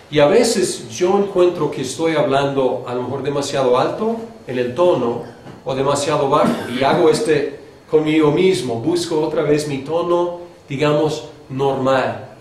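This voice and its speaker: A man from Mexico teaching a seminary class on preaching, talking conversationally and showing pitch and pace changes with his own voice. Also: normal speed, a little mellow. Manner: conversational, with fillers and restarts. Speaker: homiletics teacher. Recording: echoey lecture room with faint background noise.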